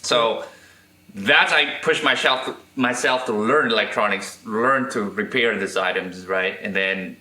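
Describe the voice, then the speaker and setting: Man, indonesian accent, lowish voice, bright tone, echoey room, halting speech with "right?" tags. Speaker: guest guitarist and electronics restorer. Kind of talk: casual interview chat.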